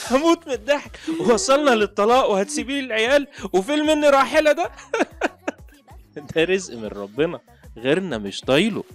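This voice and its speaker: A man plays a fond young husband in a radio drama, chuckling as he teases his wife in an Egyptian accent. His voice sits in a middle pitch, and faint music plays under it. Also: lightly acted. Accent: Egyptian Arabic. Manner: laughing, playful teasing. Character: teasing, doting young husband and father.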